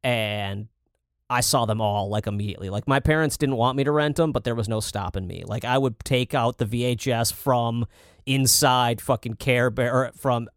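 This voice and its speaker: A man of middle pitch, chatting casually as a podcast co-host. He talks in a relaxed, offhand way and swears freely. The sound is dry and close to the mic. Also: smooth, no echo. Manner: relaxed, swears casually, quick to laugh along. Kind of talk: casual chat.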